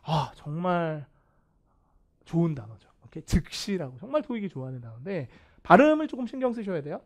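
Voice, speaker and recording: A man teaching English vocabulary in a video lecture, animated and playfully self-mocking. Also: fairly high pitch, fairly quick. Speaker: English test instructor.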